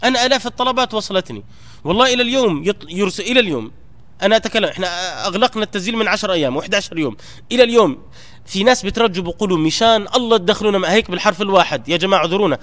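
A man's voice: high voice, lively intonation, very fast, a bit bright. A man, a teacher giving an earnest exhortation to students of a Quran memorization program. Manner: earnest, exhorting, rising emphatically at key points.

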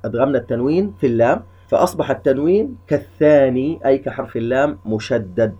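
Guy teaching recitation rules, calm and methodical, middle pitch, kinda muffled lo-fi sound. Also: breathy edge. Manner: methodical, explains rules then chants examples slowly. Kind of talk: step-by-step recitation lesson. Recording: dull lo-fi recording.

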